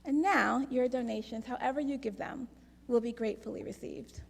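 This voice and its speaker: Gravelly woman leading a service. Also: a little high, a little hiss or hum. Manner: measured and deliberate, with dry asides. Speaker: worship service leader. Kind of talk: addressing a congregation during a service. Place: congregation's sanctuary. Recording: long reverb of a large hall.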